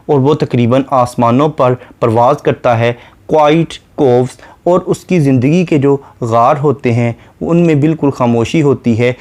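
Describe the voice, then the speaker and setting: Male literature teacher with a mid-range voice who reads poetry slowly and then explains it step by step. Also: mid-range voice. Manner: reads verse lines slowly, then paraphrases and explains them; steady methodical listing. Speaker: literature lecturer. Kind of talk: explanatory lecture.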